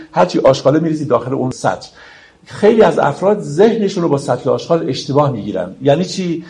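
A man's voice: a little high, darkish tone. A man giving a reflective lecture on classical poetry, reciting verses and explaining them patiently to his listeners. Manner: explains slowly, recites verse, addresses friends.

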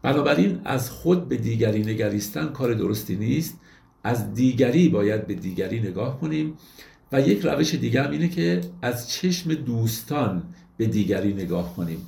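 A man giving a lecture on classical poetry, reciting verses slowly and then explaining them in plain everyday speech. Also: medium pitch, lively intonation, creaky, dark tone, reverberant.

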